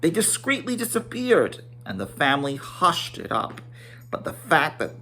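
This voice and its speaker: A man gives an over-the-top dramatic reading of a fantasy book for children, stressing lines hard and stumbling at times. His fairly high voice sounds pushed and bright, with huge pitch swings at a moderate pace.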